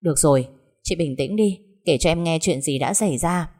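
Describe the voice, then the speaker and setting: Woman voicing a calm, soothing younger sister. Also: low voice, fairly quick. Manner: soothing, gentle.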